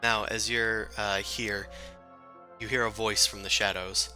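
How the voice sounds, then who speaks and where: Low, bright-voiced male game master. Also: level tone, faint music behind. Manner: halting, informal. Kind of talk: casual tabletop game narration.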